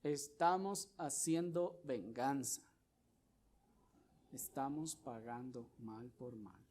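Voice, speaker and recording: Slow, emphatic preacher with questions. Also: male voice. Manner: rhetorical questions to the congregation; swings between loud emphasis and quiet low phrases. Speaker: pastor. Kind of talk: sermon.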